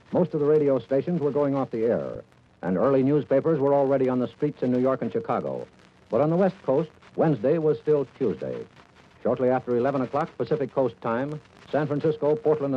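An American man narrating news in a formal, measured, dramatic old newsreel manner. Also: mid-range voice. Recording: dull, noisy vintage radio recording.

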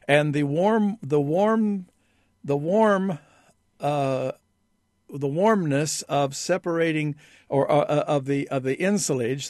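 A man chatting on a radio show at a middling pitch, close on a dry studio mic. He speaks haltingly, breaking off and restarting his sentences as he searches for words. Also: a little mellow, no room sound. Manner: halting, with many restarts and fillers. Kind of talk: casual radio chat.

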